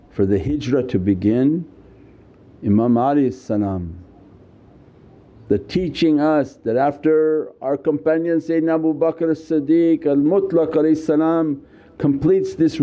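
An older religious teacher, seated indoors on an ornate couch before curtains, lectures on spiritual themes in a fairly high voice, gesturing emphatically. He speaks into a small mic on a stand in front of him, and the recording's highs are cut off.

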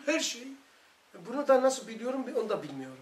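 A man's voice: very high-pitched, sing-song, brisk. A man with a Turkish accent leading a religious study circle, talking with fervent, emphatic storytelling. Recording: echoey room recording.

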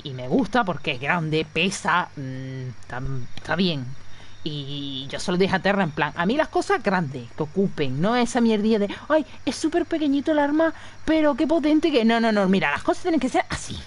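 A woman's voice: mid-range voice, slight background noise. A woman chatting casually and swearing freely as she streams a video game. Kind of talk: casual live gameplay commentary.

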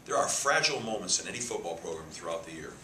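Speaking fast with lively intonation, this deep-voiced man sounds bright and forceful. He's a head football coach in his fifties answering press conference questions, gesturing and emphatically repeating himself. A table mic cluster captures him in an echoey press room with a sponsor backdrop and a faint hiss.

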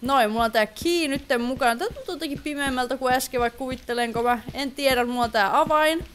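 Woman, high voice, gaming commentary, chatty, easily startled, faint background hiss. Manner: chatty, easily startled, mixes English exclamations. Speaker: gaming YouTuber. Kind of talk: horror game let's play commentary.

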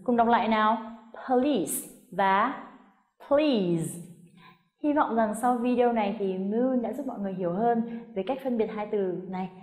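A Vietnamese-speaking woman teaching English pronunciation in a friendly way, saying model words slowly. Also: on the high side. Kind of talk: pronunciation lesson. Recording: roomy echo.

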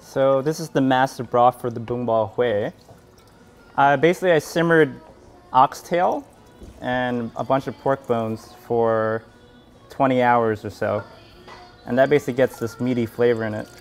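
Young male home cook, loose rambling chat, ordinary pitch, lots of uh and like. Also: measured pace, soft background music. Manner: relaxed, rambling, filler-heavy. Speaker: home cook hosting a dinner party. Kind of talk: casual documentary talk.

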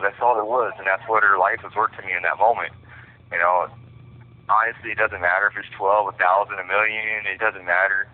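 A man, a prisoner, recounting his own past over the phone in a halting, frank way, full of fillers. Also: low-pitched. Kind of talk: personal confession by phone. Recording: tinny prison phone line.

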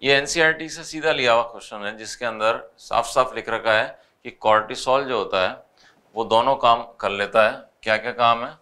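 Indian man, biology teacher walking through test solutions, bright crisp voice, Hindi-English mix. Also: mid-range voice. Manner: mixes Hindi with English, reads questions slowly.

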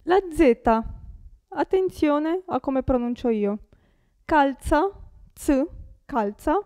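Slow, high-voiced Italian teacher drilling words. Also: female voice, animated, mellow, no echo, clean studio sound. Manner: slow, carefully articulated, repeating each word. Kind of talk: pronunciation lesson.

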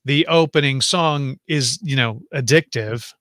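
A man's voice: medium pitch, unhurried, a bit bright, no echo. A man hosting an online interview show, chatty and jokey, with lots of fillers. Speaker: podcast host. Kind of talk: casual interview chat.

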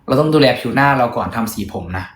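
A man's voice: mid-range voice, expressive, racing, roomy sound. A young man, a singer and vlogger, chatting casually and joking at his own expense in a hotel room. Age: young adult. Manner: chatty, joking, self-deprecating. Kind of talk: casual vlog chat.

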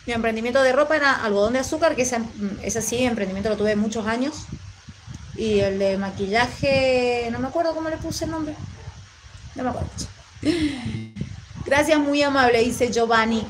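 A woman's voice: fairly high pitch, a little hiss or hum, poor audio. Chatty Argentine woman on a livestream. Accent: Mendoza Argentine Spanish. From Mendoza, Argentina. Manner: chatty, affectionate, rambling with fillers. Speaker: vlogger reading live chat. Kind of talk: live stream chat.

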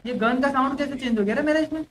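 A man's voice: extremely high pitch, a crowd in the background. A young man streaming a mobile shooter game live, chatting with viewers and teammates and repeating orders over and over. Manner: rapid, repeats orders over and over, teasing banter. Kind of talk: live gameplay chat and commentary.

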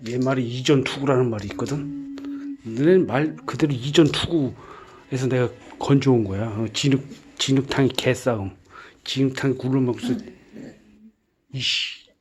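A man talking casually in a gruff, exasperated way, scolding and sighing, with repeated commands and frequent swearing. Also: mid-range voice, moderate pace. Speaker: vlogger caring for puppies.

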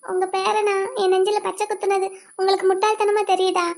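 A woman's voice: extremely high pitch, level tone, brisk. A woman voicing a sweet, clingy young wife in a cartoon, pleading and childlike. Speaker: cartoon voice actor. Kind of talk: cartoon voice acting.

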